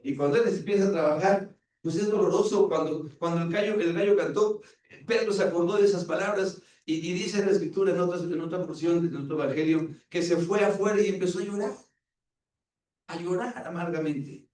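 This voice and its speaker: A man preaching a sermon as pastor, retelling scripture with lively acted-out dialogue. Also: sits high, brisk. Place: church. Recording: very echoey church hall, distant mic.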